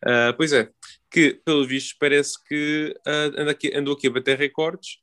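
A man's voice: on the high side, steady tone, normal speed, sharp tone, smooth. A man with a European Portuguese accent hosting a casual podcast chat, informal and often circling back over his phrases. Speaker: podcast host.

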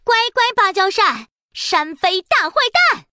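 A woman's voice: high voice, huge pitch swings, a little slow, pushed and bright, no room sound, studio quality, heavily acted. A woman voicing a haughty, bratty young princess in a children's storybook, huffy and scolding.

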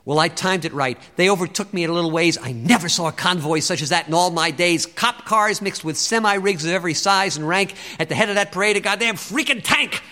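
A man's voice: high voice, a little fast, few pauses, sharp tone, a little hiss or hum. A man reciting a rhyming spoken-word story with a driving, rhythmic delivery. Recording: long reverb.

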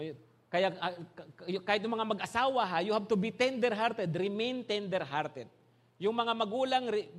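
A man with a Filipino accent preaching a sermon to a congregation, animated and full of rhetorical questions that check the listeners follow along. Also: high-pitched. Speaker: pastor. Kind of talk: bilingual sermon.

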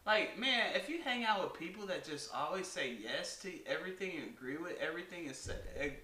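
A man's voice: high-pitched, lively intonation, a little fast, reverberant, crowd noise. A man co-hosting a podcast in casual chat, blunt and slangy, swearing freely. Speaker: podcast co-host.

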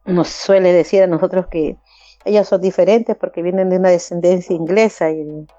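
A woman's voice: on the low side, steady tone, moderate pace, mellow, no echo, dull audio, soft background music. A woman of about fifty, a community organizer, talking passionately in an interview. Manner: passionate, acts out others' voices with laughter. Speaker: migrant community organizer, guest. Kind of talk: animated interview talk.

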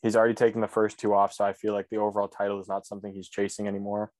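A man's voice: lowish voice, completely flat delivery, rapid-fire, a little mellow, dry recording. A man co-hosting a podcast in casual chat, joking sarcastically and swearing casually. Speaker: podcast co-host.

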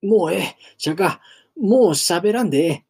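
A man voicing a boisterous male elephant god from a storybook, loud and brash, speaking in Kansai dialect. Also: on the high side, lively intonation, moderate pace, voice pushed up, natural voice. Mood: pleading.

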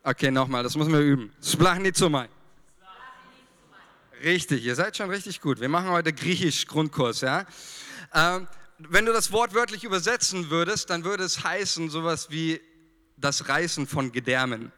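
A man from Franconia with a Franconian German accent preaching a lively sermon, talking straight to his congregation with fillers and humor. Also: a little high, moderate pace, long reverb tail.

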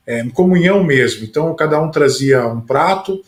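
A man's voice: fairly high pitch, lively intonation, normal speed. A man who is a pastor and podcast host, telling folksy anecdotes in a casual conversation. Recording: roomy echoey sound.

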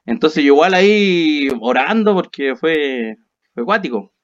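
A man's voice: fairly high pitch, measured pace, slight background noise. A young man with a Chilean accent, a podcast co-host animatedly telling a personal story and acting out the quotes. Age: young adult. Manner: animated, laughs often, acts out quotes. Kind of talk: casual storytelling. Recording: slightly dull lo-fi audio.

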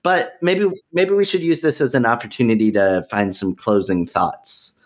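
A man hosting a podcast over a video call, talking in a relaxed, hesitant way with many fillers. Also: medium pitch, normal speed. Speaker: podcast host. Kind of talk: casual conversation.

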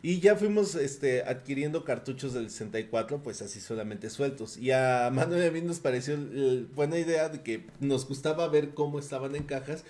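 A man's voice: medium pitch, moderate pace, hardly any pauses, mellow. A man co-hosting a casual retro gaming podcast, rambling with many fillers and acting out quoted posts. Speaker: podcast co-host. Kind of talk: casual chat.

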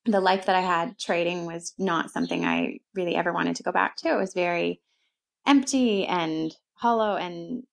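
A Canadian woman who founded a co-working space tells her own story as an interview guest, speaking conversationally with a Canadian accent. Her voice is lowish and gravelly, with wide pitch swings at a moderate pace.

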